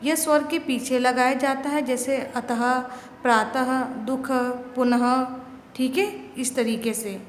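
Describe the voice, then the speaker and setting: A woman teaches a grammar lesson in a high voice, asking the class questions and then answering them herself. The room is echoey with a long ringing tail. A faint hiss sits under her voice. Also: fairly even intonation, takes it slowly. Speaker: school teacher.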